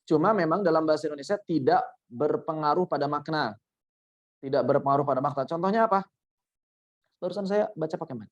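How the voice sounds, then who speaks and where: A man's voice: fairly high pitch, a little fast, highs cut off. A man teaching Quran recitation in an online workshop, patiently explaining with repeated examples.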